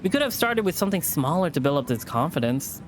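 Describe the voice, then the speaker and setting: Fast and very animated, a man with a slightly high voice reads a visual novel aloud between chatty asides. Now and then he stumbles and rereads a line, and a little hiss or hum sits under the recording.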